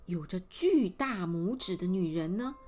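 A woman narrating a fairy tale for children, expressive and full of spoken sound effects. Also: lowish voice, a little slow, faint music behind. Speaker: storyteller.

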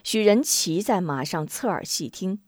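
A woman telling a martial-arts story with vivid, expressive narration. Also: medium pitch, a little slow, dry recording, clean studio sound.

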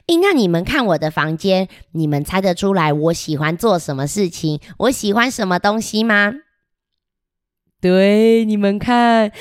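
A woman's voice: mid-range voice, smooth, no room sound, clean studio sound, natural voice. A woman voicing a chatty little boy about to start kindergarten in a children's picture book read-aloud, playful and giggly as she talks straight to the children listening. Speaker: storybook reader.

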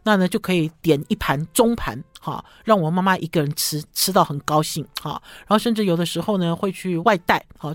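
A woman's voice: fairly low pitch, no room sound, studio quality. A woman hosting a radio food show, talking casually and tagging her phrases with a short "ha". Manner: chatty, ends phrases with a short "ha".

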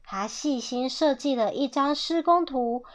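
A woman reading a children's story aloud, animated and pausing to ask her listeners questions. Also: high voice. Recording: dull lo-fi audio.

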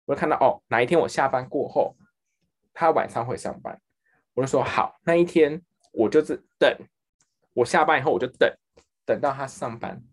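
A man's voice: fairly quick, pauses often. A man with a Taiwanese Mandarin accent telling a work story in casual podcast chat, acting out the people he quotes. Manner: animated, acts out quoted people with big pitch jumps. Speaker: podcast co-host.

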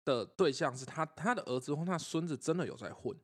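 A man's voice: fairly high pitch, expressive, a little fast. A man co-hosting a podcast, telling a story in casual chat and acting out the people in it. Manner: storytelling with laughs, acts out quoted voices. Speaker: podcast co-host.

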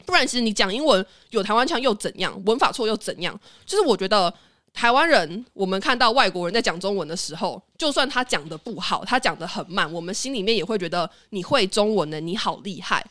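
Animated Taiwanese-accented woman in her twenties or thirties hosting a podcast. Her speech is quick, and her pitch swings widely as she tells a story with easy laughter. The recording is close and dry. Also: dry recording. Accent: Taiwanese Mandarin. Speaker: podcast host. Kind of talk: casual storytelling chat.

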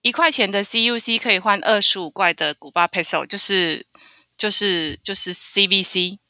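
A woman from Taiwan, telling a travel story as a podcast guest in an animated way, often stammering and repeating words. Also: medium pitch, normal speed, dry recording, clean studio sound. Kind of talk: casual storytelling interview.

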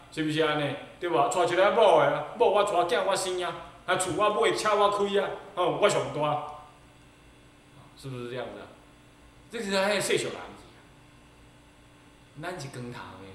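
A Taiwanese-accented man preaching as a Buddhist abbot, his pitch leaping high and dropping low as he presses each point with repeated rhetorical questions. The voice is bright and forceful. It rings out in a very echoey hall, with faint ambient noise behind it. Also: far from the mic. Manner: emphatic, repetitive, asks listeners rhetorical questions. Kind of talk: Dharma sermon.

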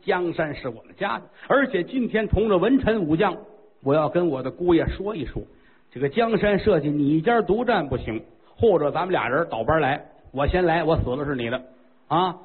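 A man's voice: on the high side, expressive, fairly quick, breathy edge. A man voicing a scheming, arrogant old grand tutor who wants the throne, in a storyteller's tale. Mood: demanding. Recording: tinny phone-like sound.

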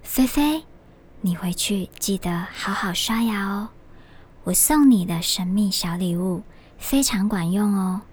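A woman doing a gentle kindly dentist. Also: mid-range voice, unhurried, slightly rough. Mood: reassuring. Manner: soothing, reassuring, hushed. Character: kind gentle male dentist, older uncle type.

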